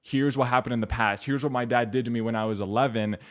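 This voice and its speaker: An American man talks as a coach guesting on a podcast. His pitch is average for a man. He is earnest and conversational, making motivational points with little imagined quotes. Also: steady tone, fast talker.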